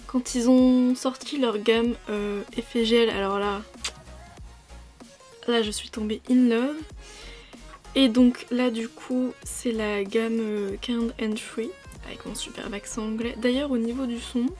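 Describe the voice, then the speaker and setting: A woman's voice: fairly high pitch, steady tone, measured pace, a little mellow, soft background music. A woman chatting casually to camera as a beauty vlogger, rambling with frequent fillers. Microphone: new proper microphone.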